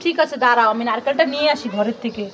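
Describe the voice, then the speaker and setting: A woman's voice: a little high, very fast, fairly bright tone, a little hiss or hum. A mother vlogging at home, playfully coaxing her children and talking to viewers. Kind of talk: casual family vlog talk with children.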